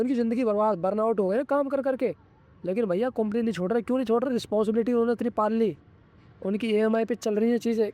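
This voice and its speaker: A young man in a casual vlog, talking fast and bluntly with a high, mellow voice. He is slangy and preachy as he gives career advice straight to the viewer. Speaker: vlogger.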